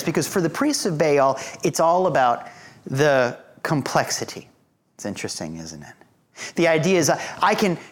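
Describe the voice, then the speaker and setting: A preacher giving a sermon, retelling a Bible story in a casual, joking, conversational way. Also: mid-range voice.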